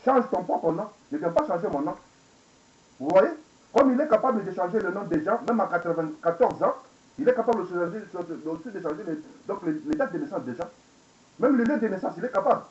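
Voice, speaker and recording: Angry guy in his 40s ranting at a webcam, kinda high voice, keeps asking questions, dull echoey sound. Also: animated, fairly quick, a little mellow. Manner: angry, repetitive, rhetorical questions, code-switching into English. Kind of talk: angry rambling monologue.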